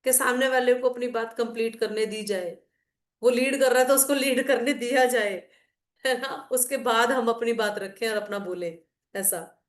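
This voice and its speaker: A woman's voice: a little high, steady tone, moderate pace, echoey room. A middle-aged woman teaching a devotional class in a casual, conversational way, explaining with anecdotes and asides. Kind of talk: casual Hindi class talk mixing English.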